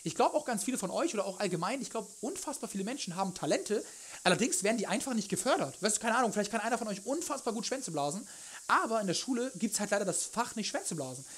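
A man's voice: high-pitched, animated, fast talker, fairly bright tone, breathy edge. A young man chatting casually on a cooking livestream, rambling and joking in loose slang as he answers his chat. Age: young adult. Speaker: live streamer, cooking show host. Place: home kitchen, indoors. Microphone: headset.

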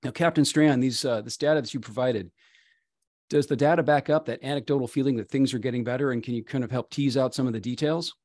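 A man's voice: medium pitch, fast talker, darkish tone, no echo, studio quality. A man moderating a virtual panel, introducing guests and asking direct questions.

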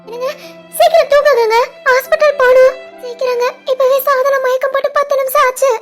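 A woman voicing a gentle young wife who consoles her in-laws in a soothing, urgent way, with a Tirunelveli Tamil accent. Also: extremely high pitch, level tone, quick pace, faint music behind.

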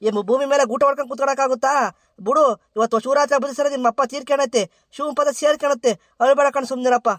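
A man's voice: very high voice, steady tone, racing, a bit bright, dry recording. A man voicing an older village man in a cartoon, soothing and plain-spoken. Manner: soothing, plain rural talk. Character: elderly village man, consoling mourners.

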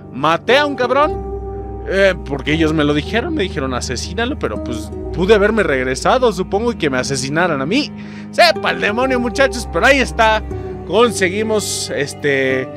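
A Mexican man commenting on a horror game as he plays, excitable and swearing a lot, yelping when scared. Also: on the high side. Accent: Mexican Spanish. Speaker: gaming YouTuber. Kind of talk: let's play commentary.

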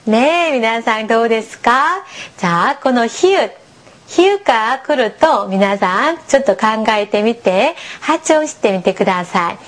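Woman, language teacher, high lively voice, patient, encouraging, slow clear model pronunciation. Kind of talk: beginner language lesson for learners.

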